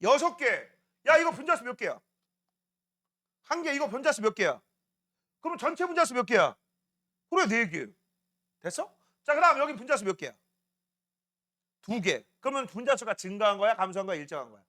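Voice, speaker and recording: A man teaching a science class, quizzing students by name with quick questions in a casual, teasing way. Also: very high voice, sing-song, bright, forceful tone. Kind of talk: classroom lecture.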